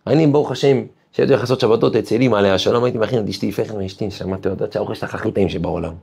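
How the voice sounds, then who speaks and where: Low-leaning, steady and husky, with vocal fry and a touch of mellowness, a rabbi's voice guides his weekly class through an emphatic Torah lesson. He tells stories and asks rhetorical questions, building sermon-like exhortation to fervent peaks.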